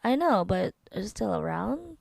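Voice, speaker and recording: A woman from the Philippines co-hosts a casual podcast chat. She teases her partner in lively banter, in a mid-pitched voice. The sound is dry and close. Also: normal speed, gravelly, no room sound. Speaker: podcast co-host.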